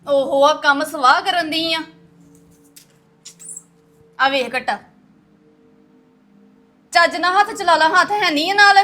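A woman's voice: extremely high pitch, slow, long pauses, bright, forceful tone, soft background music, exaggerated voice. An actress playing a bossy young wife who scolds and orders her in-laws around. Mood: scolding. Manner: scolding, commanding. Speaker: bossy daughter-in-law. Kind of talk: web drama acting.

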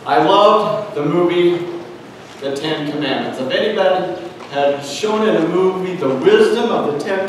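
Man, preacher, high voice, slow deliberate sermon, heard from across a reverberant church hall. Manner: slow, earnest preaching with frequent pauses and fillers. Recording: echoey church hall, mic at a distance, faint room noise.

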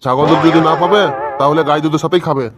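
A man's voice: on the high side, fairly even intonation, fast talker, background noise, natural voice. A man voicing a brusque quack doctor in a cartoon, curt, grumbling and dismissive. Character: brusque middle-aged quack ayurvedic doctor. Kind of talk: cartoon voice acting.

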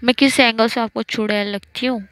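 A woman's voice: fairly high pitch, fairly even intonation, a little fast, a bit bright, dry recording. Woman retelling a story with many self-corrections. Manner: retells dialogue loosely, often corrects names with "matlab". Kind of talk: casual spoken storytelling.

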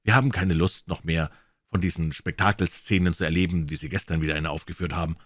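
A stern prison guard with a low, curt voice, put on by a male reader. He scolds in a tired, matter-of-fact way, and the sound is dry. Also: steady tone, fast, a bit bright, no echo. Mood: scolding.

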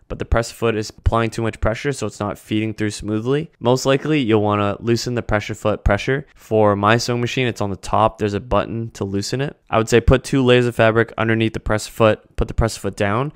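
Smooth low-voiced man explaining sewing steps. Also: a little fast, no room sound, studio quality. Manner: casual, steady step-by-step explaining. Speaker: sewing tutorial host. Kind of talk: instructional voice-over. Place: home sewing studio, indoors. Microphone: studio mic on desk stand.

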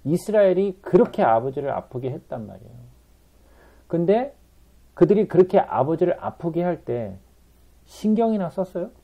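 A man's voice: on the high side, sing-song, normal speed. A man giving a conversational Bible teaching, emphatic and constantly checking in with his listeners, on a dull lo-fi recording.

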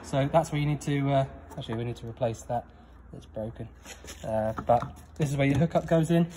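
Filmed one-handed on a handheld phone, this relaxed tour of a parked camper van takes place in and around a workshop. The man guiding the handover speaks at mid pitch, keeps his explanations simple and fills them with ums, while a constant noise runs behind him.

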